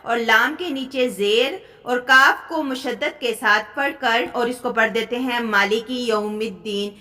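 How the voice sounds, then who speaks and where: A woman with a Pakistani Urdu accent teaching Quran recitation in a recorded lesson, explaining common mistakes and slowing into drawn-out recited examples. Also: sits high, pushed and bright.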